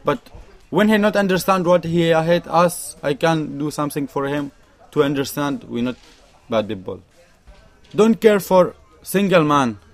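A young man from Syria with a Syrian Arabic accent, speaking earnest, emphatic broken English as a refugee giving his testimony in an interview. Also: a little high. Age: young adult. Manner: earnest, emphatic, repeats points, non-native grammar.

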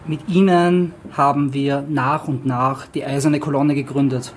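This man speaks at a measured pace in a mid-range voice with fairly even intonation, and there is slight background noise. He presents a book to an audience and reads part of it aloud in turns, keeping the introduction casual. Off the page, he often hesitates and leans heavily on fillers.

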